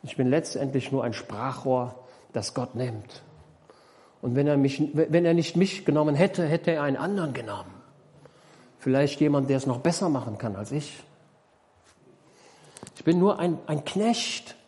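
A male preacher delivers a sermon in church, walking his listeners through a parable. He keeps asking them questions and repeats his main points with emphasis. His voice sits at an average pitch for a man. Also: expressive, moderate pace, long pauses, mellow. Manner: explains with questions to the congregation; emphatic, repeats key phrases.

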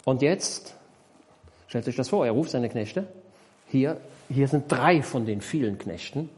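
A male preacher delivers a sermon in church, walking his listeners through a parable. He keeps asking them questions and repeats his main points with emphasis. His voice sits at an average pitch for a man. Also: animated, a little slow, a little mellow. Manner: explains with questions to the congregation; emphatic, repeats key phrases.

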